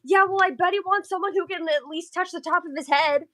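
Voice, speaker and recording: A woman's voice: very high-pitched, brisk, pushed and bright, voice pushed up. A woman quoting a taunting male anime swordsman in a meme, in a teasing, mocking tone.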